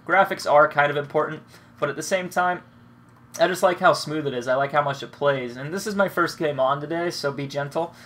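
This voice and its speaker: A congested young man with a cold narrates his own game in a rambling, easygoing way, swearing freely. His voice is a touch high, a touch bright, and slightly quick.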